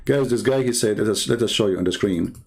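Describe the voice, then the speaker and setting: A fast-talking man with a lowish voice, vocal fry, and a slightly mellow quality hosts a live stream. Arabic is his first language and his accent shows it; he reads religious texts aloud and mocks them with needling sarcasm.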